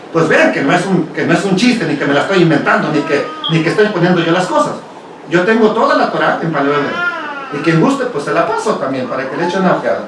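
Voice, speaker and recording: Guy teaching bible study to his congregation, high voice, keeps asking ok?, sounds far off in a big echoey hall. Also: noisy background. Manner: conversational, asks rhetorical questions, tags "ok?".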